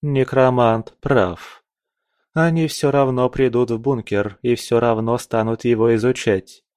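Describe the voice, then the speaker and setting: A man's voice: mid-range voice, a little mellow, no room sound, clean studio sound, voice pushed up, lightly acted. A man voicing a stern young woman agent who gives curt, decisive orders in an audiobook.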